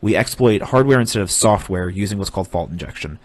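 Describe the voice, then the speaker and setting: A young man casually explaining a technical topic on a stream, halting with restarts as he draws diagrams. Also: sits low, animated. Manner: halting, many fillers and restarts while drawing. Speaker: streamer explaining hardware hacking.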